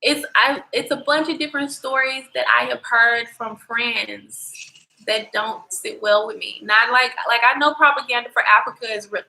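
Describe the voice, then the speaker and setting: Bright-voiced chatty young woman vlogger. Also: on the high side, moderate pace, creaky, poor audio. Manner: chatty, slangy and profane, talks to viewers directly. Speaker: travel vlogger. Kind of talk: casual livestream chat.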